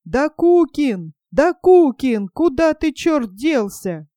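A woman voicing a hot-tempered young male soldier who shouts roughly and curses. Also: a little high, moderate pace, no room sound, studio quality, lightly acted. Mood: rowdy.

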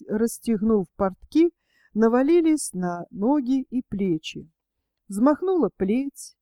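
A woman narrating a story in an even, measured reading. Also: on the high side, no echo, clean studio sound.

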